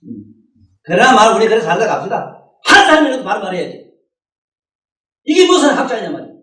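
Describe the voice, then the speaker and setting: Fairly quick and a bit bright, the man's high-pitched voice swings hugely in pitch. Captured by a distant mic in an echoey dharma hall, he preaches Buddhism in a Gyeongsang Korean accent, folksy and rhetorical, regularly nudging the audience with "eh?".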